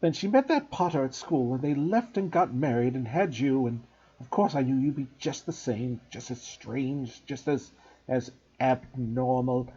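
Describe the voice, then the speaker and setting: A man's voice: mid-range voice, a little slow, dark tone, slightly rough. A man voicing a bitter, spiteful aunt who shrieks and rattles on. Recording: dull lo-fi recording.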